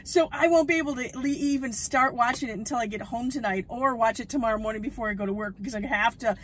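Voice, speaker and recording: A woman vlogger in casual chat, gushing and chatty, often breaking into excited exclamations. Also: a little high, fast, slight background noise, poor audio. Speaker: vlogger recapping a reality show.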